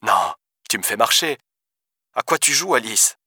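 A man voicing a hurried male police deputy who talks in a rushed, hesitant way. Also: mid-range voice, expressive, pushed and bright, husky, no room sound, clean studio sound, voice pushed up, exaggerated voice.

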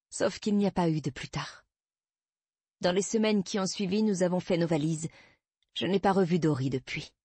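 A woman's voice: on the low side, a little mellow, breathy edge, no echo. A woman reading a first-person audiobook, tense and defensive in the dialogue passages. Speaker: audiobook narrator.

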